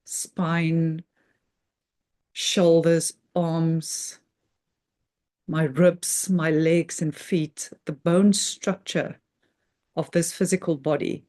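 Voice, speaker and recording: Leading a guided meditation, a woman gives an unscripted spiritual talk with reverence and earnestness. Her voice is low-pitched and mellow with a level tone, and she speaks in short, halting phrases with measured pauses.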